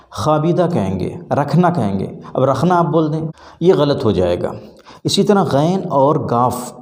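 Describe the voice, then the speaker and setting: Man teaching pronunciation, mellow echoey voice. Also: medium pitch. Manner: measured, explanatory, slows to spell out letter sounds. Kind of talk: spoken lesson to viewers.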